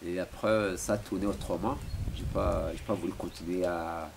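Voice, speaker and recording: A deep, creaky male voice with a steady tone, speaking at normal speed. He is a Rwandan philosopher in his forties, answering interview questions at home with many hesitations and repeated words, and the home recording is noisy.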